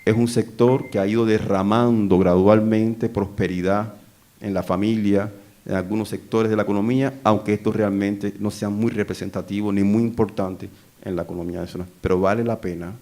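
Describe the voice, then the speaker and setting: A man with a Cuban Caribbean Spanish accent gives a public speech on policy, speaking in an emphatic, deliberate manner. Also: on the low side, fairly even intonation, dark tone. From Cuba. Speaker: conference speaker, economic researcher.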